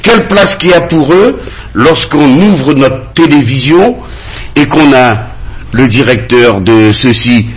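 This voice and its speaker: A candidate from French Guiana argues insistently in a radio campaign debate in a studio, emphatically repeating phrases to drive his points home. His voice sits at medium pitch and moves slowly. The low-quality recording carries a little hiss or hum.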